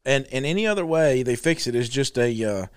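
A man co-hosting a podcast, telling a funny story in an animated, laughing way. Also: medium pitch, brisk, clean tone. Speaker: podcast co-host. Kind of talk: casual storytelling chat.

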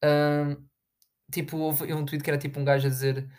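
A man's voice: fairly high pitch, little pitch movement, normal speed, a little mellow. A young man with a European Portuguese accent, ranting casually to his viewers in a rambling, sarcastic way full of fillers. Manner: sarcastic, with big jumps into mocking voices. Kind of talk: casual rant to camera.

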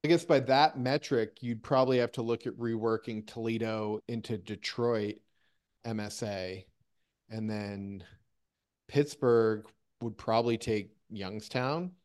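A man's voice: lowish voice, steady tone, measured pace, darkish tone. A man from the Cincinnati area hosting a podcast, easygoing, mostly giving short agreeing replies. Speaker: podcast host. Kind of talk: casual podcast chat.

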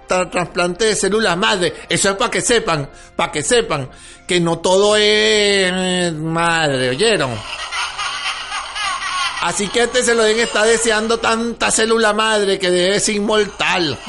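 A man's voice: high voice, a little slow, sharp tone, heavily acted. A man voicing a chatty, cheeky middle-aged woman with a Venezuelan accent in a comedy monologue, calling listeners "mi amor". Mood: gossiping. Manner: chatty, calls listeners "mi amor", laughs often. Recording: music playing underneath.

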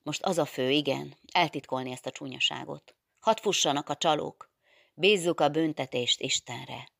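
A woman's voice: low voice, vocal fry, dry recording, clean studio sound. A woman voicing a stern, fretful middle-aged nun superior who scolds and gives orders in an agitated way. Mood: scolding.

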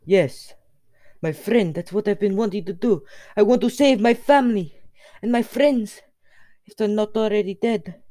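A man's voice: fairly high pitch, very animated, slow pace, voice pushed up. A man voicing a desperate young hero who pleads in a raised, strained voice. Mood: pleading.

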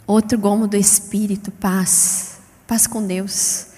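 A middle-aged woman preaching a sermon in a lively, chatty way, her pitch and loudness swinging widely. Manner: self-described fast-paced. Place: church hall. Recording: long hall reverb.

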